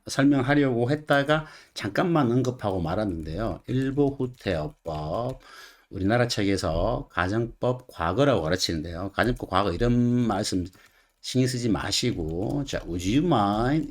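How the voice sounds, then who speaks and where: A male English teacher talks through textbook sentences line by line, his pitch rising and falling in a lively way. He keeps stopping to ask the viewer questions before giving the answer. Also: a little slow. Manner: asks the viewer rhetorical questions. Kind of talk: explaining textbook sentences in a lecture.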